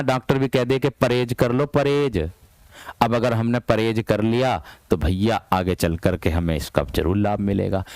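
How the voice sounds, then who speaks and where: A young man leads an online grammar class in a firm, slightly hard voice pitched a little low. He talks slowly, stretches his words and repeats phrases as he explains. The sound is close and dry, with almost no room echo. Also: a little mellow. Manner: repeats phrases, addresses students as "my brave one"; deliberately slow, drawn-out delivery. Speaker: Hindi teacher for police exam prep. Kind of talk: live online class, casual teaching.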